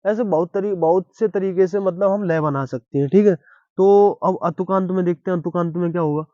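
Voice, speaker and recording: A man's voice: high voice, fairly quick, dark tone, no echo, muffled recording. A man teaching a lesson on verse, who explains step by step and keeps asking if the class has understood. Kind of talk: classroom-style Hindi poetry lesson.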